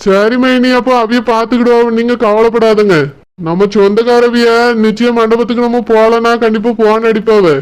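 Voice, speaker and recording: A man voicing a calm brother-in-law in a cartoon who reassures the family, with a Kanyakumari Tamil accent. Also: extremely high pitch, moderate pace, clean tone. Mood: reassuring. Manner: steady, reassuring.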